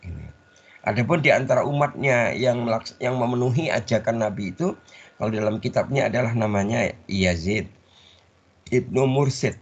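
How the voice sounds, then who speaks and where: A man teaching a religious study class. He pauses mid-word so the audience can finish it. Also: mid-range voice, slightly rough. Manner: call-and-response, leaves words half-said for the audience to finish. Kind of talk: Islamic study lecture. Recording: dull lo-fi recording.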